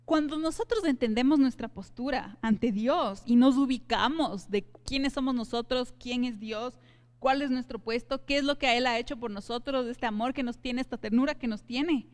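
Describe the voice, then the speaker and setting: Woman leading a bible study, a bit high voice, earnest, long reverb in a church hall. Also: moderate pace. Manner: earnest, addresses listeners directly.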